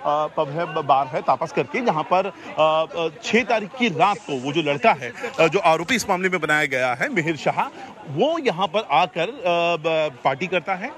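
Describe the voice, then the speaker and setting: A man's voice: on the high side, animated, measured pace, fairly bright tone. Man reporting live from a street scene. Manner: hesitant, many fillers and restarts. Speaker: field reporter. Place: outdoors beside a demolition site. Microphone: handheld mic.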